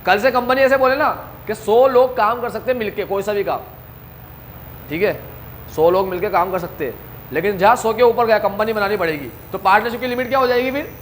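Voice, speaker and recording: A man's voice: sits high, brisk, a little hiss or hum. A man teaching a commerce class, talking straight to his students, asking them questions and answering them himself. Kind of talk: classroom lecture.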